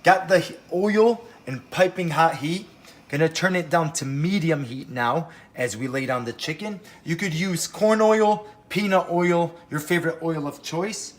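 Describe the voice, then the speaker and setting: A man's voice: fairly high pitch, measured pace. A man hosting a home cooking video, upbeat and enthusiastic, talking straight to his viewers from the kitchen. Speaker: cooking show host. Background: oil frying and sizzling.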